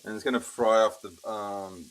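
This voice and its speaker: At the stove of an indoor kitchen, a cooking-show host talks through his steps in a relaxed way. His voice is lowish and steady, his speed normal, and sizzling, stirring, and clicking sounds make the recording noisy.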